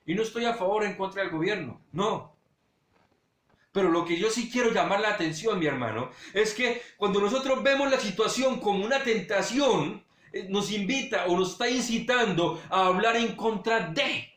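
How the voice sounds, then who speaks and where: High-voiced male pastor preaching. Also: moderate pace, roomy sound. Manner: swings between loud urging and hushed low delivery; direct address to listeners. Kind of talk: sermon.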